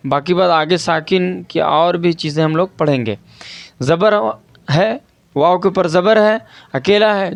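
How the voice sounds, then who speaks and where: A man teaches Quran reading online, speaking in a smooth, resonant, slightly high voice. He drills each syllable slowly and poses rhetorical questions to his students. The sound is close and dry, with no room echo. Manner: patient, repeats and stretches out syllables for drilling.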